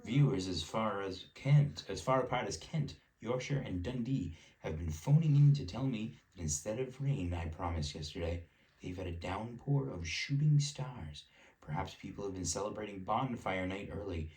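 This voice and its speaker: A man's voice: fairly low pitch, expressive, moderate pace, darkish tone, distant mic, lightly acted, rough recording. Man doing a chatty TV weatherman. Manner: chatty, folksy.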